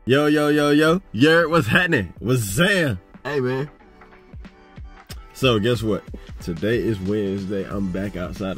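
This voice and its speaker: A man's voice: lowish voice, a bit bright. A young man in his twenties vlogging casually to a phone held at arm's length in his car, talking in a laid-back, slangy, rambling way. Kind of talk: casual vlog talk to camera. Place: inside a car.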